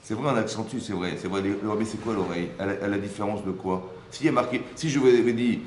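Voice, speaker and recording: A man's voice: fairly low pitch, fast, darkish tone, a little hiss or hum. A man teaching a religious class to a small group, asking questions, checking in with his listeners and often repeating words as he searches for phrasing. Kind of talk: interactive religious lesson. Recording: roomy room, faint background ambience.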